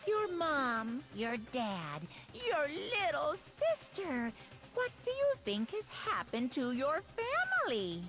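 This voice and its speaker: A man's voice: very high-pitched, wildly swooping pitch, slow, full character voice. An actor voicing a taunting male robot bear mastermind in a video game, teasing in a sing-song way. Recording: game audio with music behind. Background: game music.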